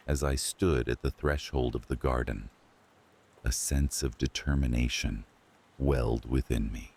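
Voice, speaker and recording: A man narrating a scary story for sleep in a slow, hushed storytelling manner. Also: a bass voice. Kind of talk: scripted horror narration for sleep.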